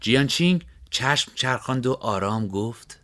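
A man narrating a story in a steady, measured way. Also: mid-range voice.

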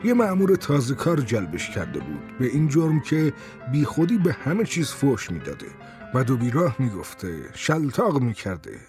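A man narrating a first-person story in a calm, measured, dry manner. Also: mid-range voice, soft background music.

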